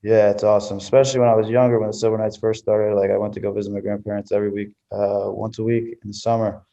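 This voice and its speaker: A young man from Maine, a baseball player answering interview questions in a relaxed, casual way. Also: fairly low pitch, fast talker, lo-fi sound. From Maine, USA.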